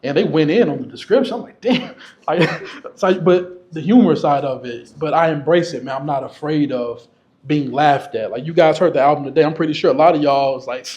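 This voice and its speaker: A man's voice: on the high side, brisk, darkish tone. A man speaking candidly and casually to an audience as a featured guest, laughing often. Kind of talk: candid storytelling to a live audience.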